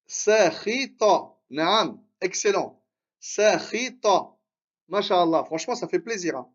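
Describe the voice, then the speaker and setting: A man teaching Arabic reading in a live online lesson, encouraging his students and drilling syllables slowly with much repetition. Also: sits high, animated, fairly bright tone, muffled recording.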